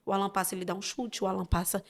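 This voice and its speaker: A woman with a Brazilian accent, a guest on a church podcast, telling family stories in a lively, expressive way. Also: mid-range voice, racing. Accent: Brazilian Portuguese. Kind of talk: casual storytelling chat.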